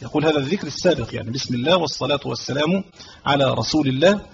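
A man with an Egyptian accent teaching a religious lesson as a sheikh, reading a line of the text and then explaining it slowly, repeating key phrases. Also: medium pitch, gravelly. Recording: slightly dull audio with faint background noise.

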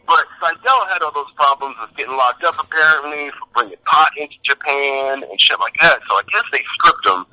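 A man's voice: a little high, lively intonation, fairly quick, hardly any pauses, pushed and bright. A man calling in over the phone to a casual podcast, rambling with many fillers and swearing. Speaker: podcast co-host on a phone line. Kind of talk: casual wrestling podcast chat. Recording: tinny phone line.

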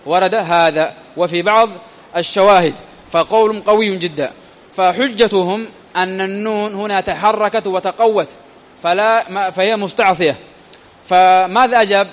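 A man teaching a classical grammar text, repeating phrases and asking rhetorical questions that he answers himself. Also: high voice. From Ethiopia. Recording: long reverb.

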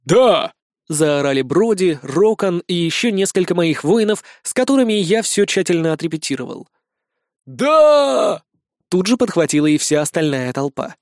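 A man reading a first-person audiobook on a close mic, declaiming rousing speeches within steady narration. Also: a little high, fairly quick, few pauses, no room sound.

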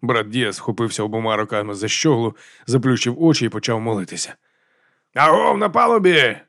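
Чоловік читає аудіокнигу сухим голосом. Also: male voice, fairly low pitch, steady tone, quick pace, no room sound. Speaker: audiobook narrator. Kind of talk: scripted narration. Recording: dry studio.

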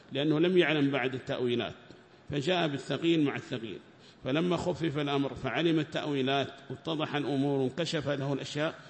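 A man explaining a scripture passage in a measured lesson, repeating his points for emphasis. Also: medium pitch, in a large hall, slight background noise. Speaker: teacher of Quran commentary.

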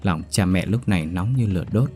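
A man reading a ghost story aloud in a steady, measured storytelling manner. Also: deep voice, soft background music. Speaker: narrator. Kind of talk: scripted ghost story narration.

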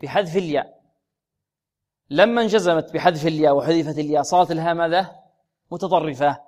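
Quran teacher quizzing his class, fairly high voice. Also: fast, a little mellow. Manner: asks questions and answers them himself, drawing out recited words. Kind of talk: tajweed lesson with recitation.

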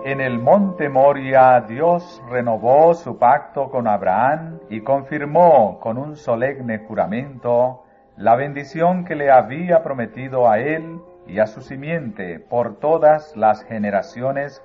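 A man reads a religious story aloud at a slow, measured pace, solemn and steady. His voice sits at a plain middle pitch. The audio is thin and phone-like, with soft music playing underneath. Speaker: narrator. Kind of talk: scripted religious book reading. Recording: phone-like narrow sound, faint music.

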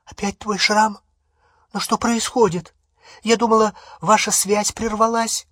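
A man voicing a tense, fussy teenage schoolgirl witch in an audiobook, with a high, fussy delivery. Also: slow, no room sound, clean studio sound. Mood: worried. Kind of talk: audiobook character voice.

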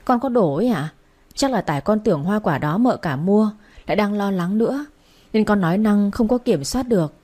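A woman's voice: mid-range voice, expressive, moderate pace, dark tone, natural voice. A woman voicing a tearful, pleading young pregnant servant who whines and begs. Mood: whining. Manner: whiny and pleading. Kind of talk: storybook character voice.

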